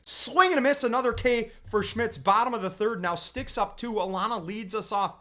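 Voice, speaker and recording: A coach calling youth softball highlights in a chatty play-by-play, with self-corrections and asides, who breaks into loud cheering on big plays. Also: normal speed. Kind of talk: highlight recap commentary over game video.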